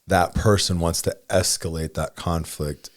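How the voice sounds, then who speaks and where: Studio-quality audio with no room sound captures a forties-aged male podcast co-host speaking low, steady, and a bit slowly. He muses casually, regularly tossing in "right?" and "you know" to check in.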